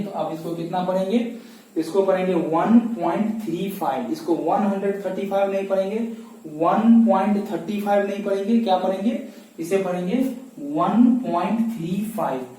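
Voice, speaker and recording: Heard from afar in an echoey room, a warm-toned man with a high voice walks through a math lesson one step at a time. He repeats the key steps and answers the questions he poses himself.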